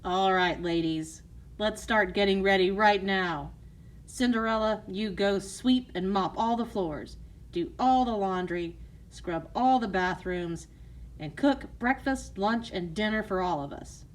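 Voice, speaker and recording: A woman's voice: mid-range voice, unhurried, close to an everyday voice. A woman voicing a cruel, bossy stepmother in a fairy tale storybook. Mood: commanding.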